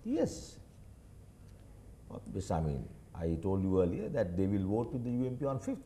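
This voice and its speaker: A Sri man speaking as a studio news guest, his pitch swinging widely as he drives home each point. His tone is dark and mellow, and he keeps pushing the listener to agree. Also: wildly swooping pitch, normal speed, slight background noise. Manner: emphatic, insistent, keeps asking "right?". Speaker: political commentator guest.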